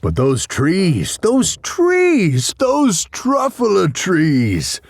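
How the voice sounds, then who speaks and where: A man's voice: fairly high pitch, slightly rough, heavily acted. A man playing an old, grumpy, secretive recluse who tells his tale dramatically in a storybook read-along.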